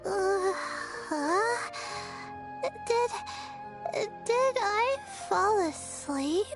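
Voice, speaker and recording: An anxious, sleepy young female scholar from a fantasy video game. Her voice is very high and lively, but she speaks slowly and hesitantly, with soft, stammering starts. Quiet game music plays under her. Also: full character voice. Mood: flustered. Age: young adult. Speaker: student.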